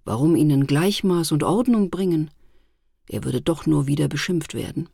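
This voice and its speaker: Low, gravelly woman telling a fairy tale. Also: no echo, clean studio sound. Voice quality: husky, gravelly. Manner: calm, measured storytelling. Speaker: narrator. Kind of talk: storybook reading.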